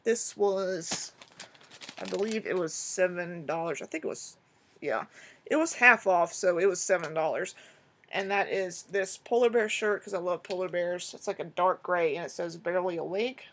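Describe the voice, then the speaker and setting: Chatty young woman vlogger, low voice. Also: normal speed. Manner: chatty, rambling, excitable, many fillers. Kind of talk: casual haul video chat.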